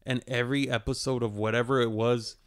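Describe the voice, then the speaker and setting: A man's voice: mid-range voice, flat delivery, fairly quick, smooth. Laid-back man storytelling. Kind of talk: casual storytelling in a podcast chat.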